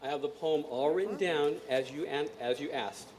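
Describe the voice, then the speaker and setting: Halting man reciting lines, faint noise. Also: on the high side, darkish tone. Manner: hesitant, halting, repeats phrases. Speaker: reader playing Moses in a congregational skit. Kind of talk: reciting scripted verse in an amateur play.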